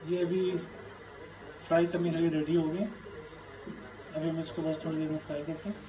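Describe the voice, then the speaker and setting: A man's voice: a little high, level tone, normal speed, mellow, slight background noise, low-quality recording. A man talking through a home cooking recipe step by step. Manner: plain step-by-step explaining. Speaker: cooking channel host. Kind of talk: cooking tutorial voice-over.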